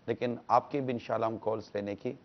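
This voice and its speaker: A man's voice: lowish voice, steady tone, dull audio. A man from Pakistan co-hosting a religious TV talk show, addressing viewers and inviting their calls. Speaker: co-host.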